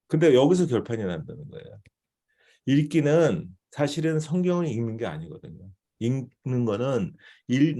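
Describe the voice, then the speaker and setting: Man, church seminar teacher, mellow warm tone, chatty, keeps asking the audience. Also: medium pitch. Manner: conversational, often checks with the audience.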